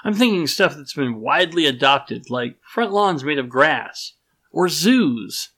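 A man co-hosting a casual podcast, reading listener questions and chatting with animated, exasperated reactions. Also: fairly high pitch, unhurried. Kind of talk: casual chat.

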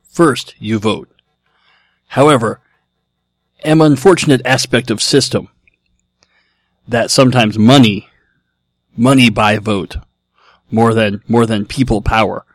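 A man's voice: mid-range voice, takes it slowly, long pauses, no echo. Man putting on a caveman robot voice. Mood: gruff. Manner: robot voice in broken caveman speech. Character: grunting caveman-style male robot senator, blunt. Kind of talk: podcast listener Q&A.

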